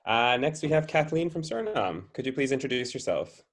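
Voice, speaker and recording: Male host, mid-pitch, brisk and courteous, calling on panelists. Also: sing-song. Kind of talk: moderating introductions.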